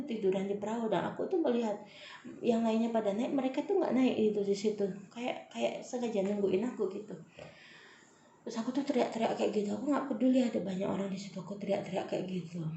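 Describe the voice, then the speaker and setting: A woman's voice: on the high side, dark tone, slight background noise. A young woman, casually telling viewers a personal story, often calling them guys. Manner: chatty, addresses viewers as guys, emotional retelling. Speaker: vlogger. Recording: echoey room, slightly dull sound.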